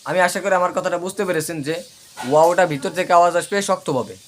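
A man's voice: high-pitched, quick pace, slight background noise. A man with a Bangladeshi Bengali accent teaching Arabic letter pronunciation, repeating syllables in drills and checking whether listeners follow. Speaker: Quran recitation teacher.

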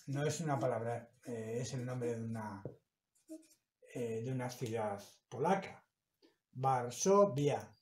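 A man teaching a grammar lesson, explaining slowly and stretching out the example words. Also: fairly high pitch, mellow. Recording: echoey room.

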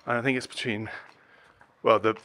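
Walking through narrow streets at night, a travel vlogger in his forties chats casually to the phone or camera he holds at arm's length. His medium-pitched voice is delivered flatly at a moderate pace, with a bright, forceful tone and slight background noise.

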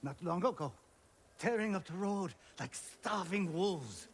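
An actor playing a frightened male traveler with a gravelly voice who cries out and pleads. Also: high-pitched, animated, measured pace, a little hiss or hum. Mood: accusing.

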